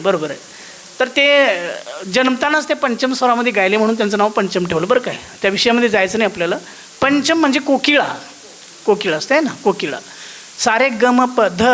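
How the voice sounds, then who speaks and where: This man's thin voice sits high and a bit bright, heard through poor audio with a little hiss or hum. Teaching a devotional course, he keeps checking that listeners follow and sings the musical notes he's explaining.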